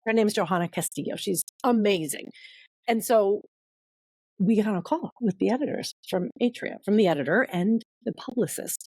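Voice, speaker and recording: A woman guest on a podcast telling a long personal story in casual conversation, acting out quoted voices with big jumps in pitch. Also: moderate pace, darkish tone, dry recording.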